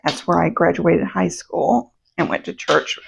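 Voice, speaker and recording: A woman chatting casually to her camera as a vlog host, her voice still a little rough in the morning, meandering with fillers and self-corrections. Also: fairly low pitch, unhurried, a little hiss or hum. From United States. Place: home, indoors. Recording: dull, muffled sound.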